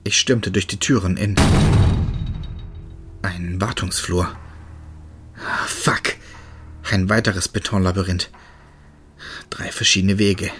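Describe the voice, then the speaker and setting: A man narrating a first-person horror story in a steady, tense manner. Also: sits low, measured pace, pauses often, soft background music.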